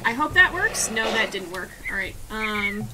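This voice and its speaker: A young woman streaming a speedrun, giving quick, excitable play-by-play commentary and repeating phrases as she goes. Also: mid-range voice, very noisy. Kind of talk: live gameplay commentary. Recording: game music in the background.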